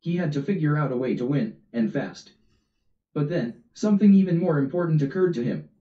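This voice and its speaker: A man's voice: fairly high pitch, animated, fairly quick, mellow. A man reading a comedic story aloud in a casual, amused way, recorded distant and roomy. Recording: roomy, distant, dull audio.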